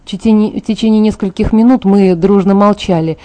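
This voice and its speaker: Warm woman narrating a novel. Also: mid-range voice, fairly even intonation, fairly quick. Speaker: audiobook reader. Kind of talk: first-person novel narration.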